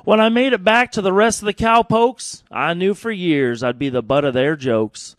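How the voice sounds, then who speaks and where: A man's voice: high voice, moderate pace, dry recording. An American man with a folksy cowboy drawl, talking and storytelling as a cowboy poet in a radio studio.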